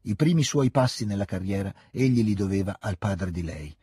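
A man reads a classic novel aloud in a calm, measured way. His voice is low, dark and very husky. He is recorded close on a studio mic, and the sound is dry. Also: no echo. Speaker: reader. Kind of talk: scripted literary narration.

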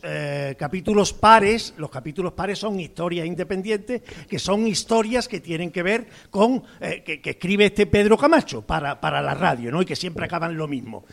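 A man's voice: high voice, gravelly. A man on a radio program, talking loosely about a novel with many fillers and restarts, then reading a page aloud. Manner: hesitant, full of "eh" fillers and restarts, explanatory. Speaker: guest reader on a radio program. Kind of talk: conversational literary talk and reading aloud.

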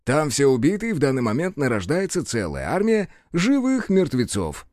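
A brash, sardonic hunter of the undead who speaks bluntly and mockingly, as a man reads him in an audiobook. His pitch swings widely. The recording is dry and close. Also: huge pitch swings, moderate pace, darkish tone, no echo. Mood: urgent.

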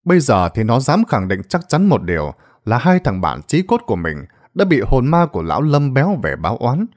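A man's voice: mid-range voice, a little mellow. Dramatic male ghost story narrator.

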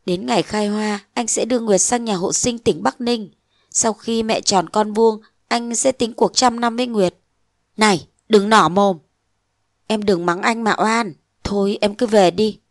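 A woman's voice: medium pitch, steady tone, measured pace, no echo, studio quality, natural voice. A woman voicing a young man who soothes and coaxes his lover with promises. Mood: soothing.

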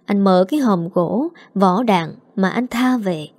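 A woman reading a village drama story aloud in a steady, expressive way. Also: mid-range voice, unhurried, no room sound. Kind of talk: audiobook story narration. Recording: dry close mic with faint music.

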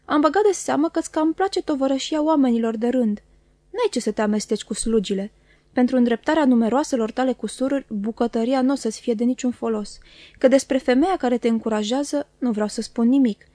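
A woman reading the part of a cold, stern man who speaks slowly and gravely, with commanding authority. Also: on the high side, mellow, dry recording, close to an everyday voice. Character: stern, cold middle-aged man, harsh stepfather.

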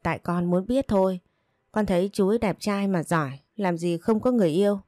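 A woman's voice: mid-range voice, brisk, dark tone, dry recording, clean studio sound, close to an everyday voice. A woman reading a curious shy young woman.

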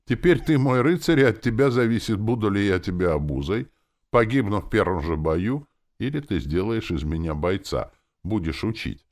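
A man voicing a calm, blunt young male squire in an audiobook, with a flat, unruffled delivery. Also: lowish voice, moderate pace, pitched above the performer's own voice. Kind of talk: audiobook character voice.

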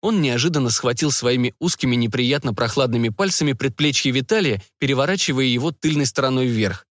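A man narrating a science-fiction audiobook in a steady storytelling manner. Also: medium pitch, a little fast, no echo, studio quality. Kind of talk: scripted narration.

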